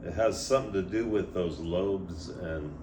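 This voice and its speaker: Older man, rambling grandpa-style storytelling, deep voice, hesitant, echoey noisy room. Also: normal speed. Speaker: storyteller guest. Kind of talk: rambling storytelling, reminiscing in casual talk. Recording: echoey room, audible background noise.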